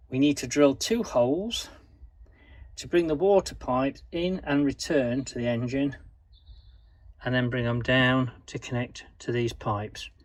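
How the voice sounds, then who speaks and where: A man's voice: medium pitch, no room sound. Man, casual vlogger, chatty and rambling, handheld camera in a boat cabin. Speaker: vlogger showing his boat. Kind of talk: casual vlog tour. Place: narrowboat cabin, indoors.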